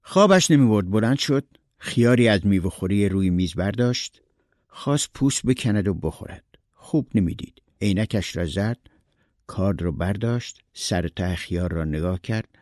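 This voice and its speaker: A man calmly narrating a short story in a measured reading style. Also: on the low side, dry recording, clean studio sound.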